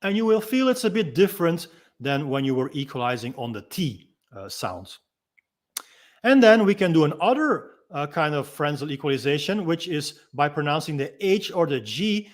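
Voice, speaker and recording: A man with a fairly high voice walks through a freediving technique as an instructor. He explains patiently, step by step, and stops to demonstrate each sound himself. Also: very animated, moderate pace.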